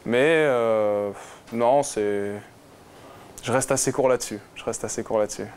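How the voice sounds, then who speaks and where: A footballer in his twenties, a guest answering interview questions, speaks in an unhurried, slightly mellow mid-range voice with a little hiss or hum. He answers casually and hesitantly, with lots of fillers and restarts.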